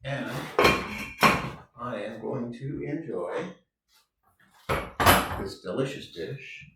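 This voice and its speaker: A man's voice: medium pitch, expressive, extremely slow, very noisy. A man giving a casual cooking demonstration in a home kitchen, chatting as he works and correcting himself along the way. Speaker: home cook. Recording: very echoey room, mic far off.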